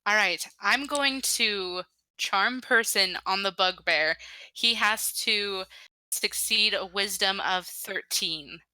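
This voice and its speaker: A woman playing in a tabletop game over a voice call, talking slowly and carefully. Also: medium pitch, sharp tone, clear, resonant tone, no room sound. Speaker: player. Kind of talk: casual play over a voice call.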